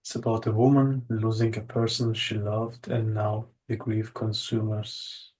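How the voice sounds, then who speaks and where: A man's voice: fairly low pitch, flat delivery, unhurried, darkish tone. A man hosting an online poetry session, chatting casually and hesitantly, often repeating words as he thinks. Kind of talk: casual group chat.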